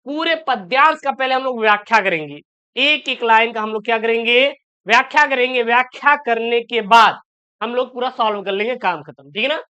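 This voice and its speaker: A man teaching an exam-prep lesson, reassuring his students and repeating key answers slowly, often asking and answering his own questions. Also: very high-pitched, sharp tone, clear, resonant tone. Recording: dull lo-fi sound.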